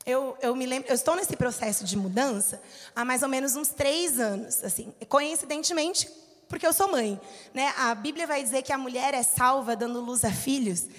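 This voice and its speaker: A woman's voice: high-pitched, normal speed. A woman in her thirties with a Brazilian Portuguese accent, preaching a conversational sermon and telling personal stories, acting out the lines of the people in them. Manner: conversational, storytelling with acted-out quotes. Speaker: church speaker. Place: church. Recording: long hall reverb.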